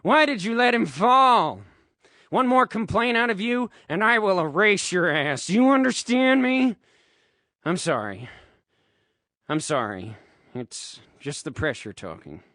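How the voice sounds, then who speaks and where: A hot-headed young wizard hero bellows and curses in a high, strained voice, as a man puts him on. The sound is close and dry, slow and heavy in its pacing. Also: sing-song, no echo, full character voice. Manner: shouting, cursing, then cowed.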